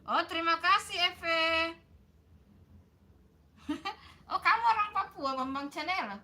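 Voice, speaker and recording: A woman's voice: extremely high pitch, lively intonation, slow pace, pushed and bright. A woman hosting a casual livestream, chatting with viewers, greeting them by name and apologizing often. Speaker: livestream host.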